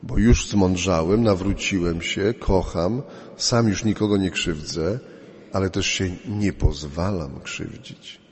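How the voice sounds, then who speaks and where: A man preaching a sermon as a priest, slow and emphatic, his voice rising and falling in pitch and loudness. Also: in a large hall.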